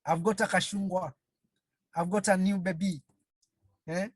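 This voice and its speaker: Hesitant and slow, a counselling trainer runs an online webinar over video call, circling back to the same phrases and asking the audience one rhetorical question after another. The husky, mid-range voice has fairly even intonation, captured with clean studio sound and no echo.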